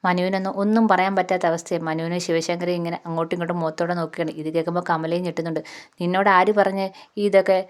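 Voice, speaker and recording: A woman narrating a TV serial episode in a casual, rapid, run-on retelling. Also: lowish voice, flat delivery, darkish tone.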